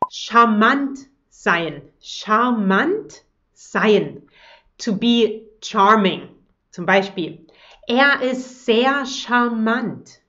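Slow, careful woman teaching German. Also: fairly high pitch, dull audio. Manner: slow, careful pronunciation, switching to English translations. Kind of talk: language lesson, repeating words slowly.

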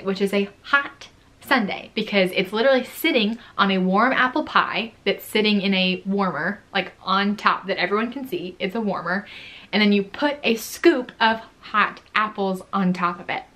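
A woman's voice: medium pitch, moderate pace, pushed and bright. A young woman vlogger casually telling a story to camera, chatty and full of "like", laughing often. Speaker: vlogger, former theme park food worker.

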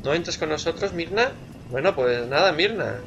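A man's voice: on the high side, expressive, normal speed, background noise. Playful male gamer, slightly dull recording. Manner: playful, muses aloud, repeats words. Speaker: gamer, let's play host. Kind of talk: casual game commentary.

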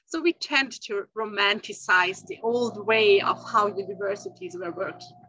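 Speaking over a video call at normal speed, a woman from Austria with an Austrian German accent presents an academic talk as a conference panelist, pausing thoughtfully with many ums and uhs. Her mid-range voice is bright and forceful, with no room sound, though the lo-fi call audio is dull.

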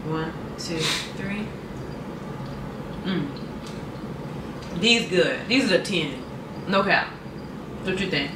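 A food vlogger chewing while talking, rating dishes in loose, slangy chat. The voice sits some way from the mic in a roomy, echoing space. Loud ambient noise runs underneath. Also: mid-range voice, slow pace, long pauses, recorded from a distance. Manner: chatty, slangy, enthusiastic. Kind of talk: casual food-tasting chat.

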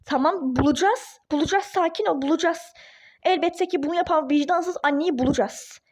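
A woman voicing a calm, soothing young husband in a toy-game role-play drama, talking in a reassuring way. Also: very high-pitched, normal speed. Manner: calming, reassuring.

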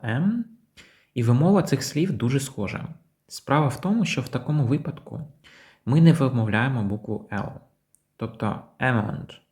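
Man teaching pronunciation, slow and careful. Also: mid-range voice, a little mellow. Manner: repeats model words slowly and clearly. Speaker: English teacher. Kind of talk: language lesson.

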